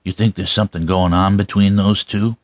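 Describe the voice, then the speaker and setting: Man reading as a blunt, low-voiced police lieutenant. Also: flat delivery, brisk, dry recording, lo-fi sound, lightly acted. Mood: teasing. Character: blunt, salty male police lieutenant in a crime story. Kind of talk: audiobook character dialogue.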